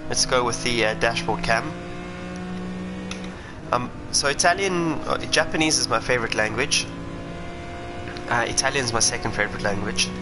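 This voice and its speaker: A South African racing driver streams a sim racing game, chatting and thinking out loud at a moderate pace. His voice is medium-pitched, he pauses often, and the game's engine and car sounds hum underneath.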